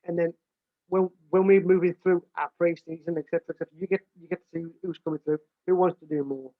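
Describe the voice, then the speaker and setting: A fairly high-pitched British man talks fast with little pitch movement and no room sound. He's a football coach with a big voice, casually and plainly explaining how he develops his staff while often restarting and repeating words, over a dry, tinny, phone-like line.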